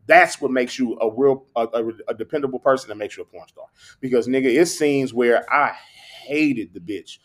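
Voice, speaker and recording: A man's voice: mid-range voice, moderate pace. An American man chatting casually and profanely, telling brash, boastful frat-bro stories full of slang as a guest performer. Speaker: adult film performer being interviewed.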